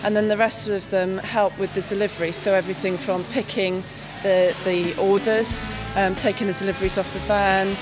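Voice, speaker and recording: A woman's voice: medium pitch, steady tone, normal speed, hardly any pauses, music in the background. A woman explaining her charity work informally in an interview. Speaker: charity worker being interviewed.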